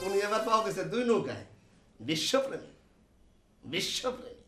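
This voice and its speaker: An actor playing Sulaiman, a jealous, quarrelsome husband in a comedy TV drama who yells and teases his wife. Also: high-pitched, very animated, moderate pace, distant mic, music in the background. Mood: teasing. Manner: shouting, teasing, quarrelsome. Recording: roomy sound from off the mic.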